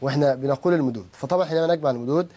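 A man teaching Quran recitation who explains quickly and chants syllable drills slowly. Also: on the high side, mellow, slightly rough. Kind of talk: teaching lesson with rhythmic drills.

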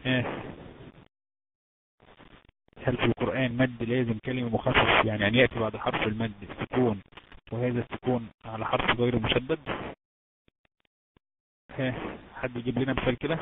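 A man's voice: mid-range voice, flat delivery. A man with an Egyptian accent teaching Quran recitation rules in an online lesson, explaining step by step and quizzing his students. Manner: explains step by step, asks students questions, drawn-out chanted examples. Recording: tinny noisy phone-like line.

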